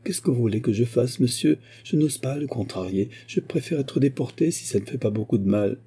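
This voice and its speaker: A man reading aloud and voicing a frightened young female servant who pleads in a high, tearful voice. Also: animated, a little fast, mellow, breathy edge. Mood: pleading.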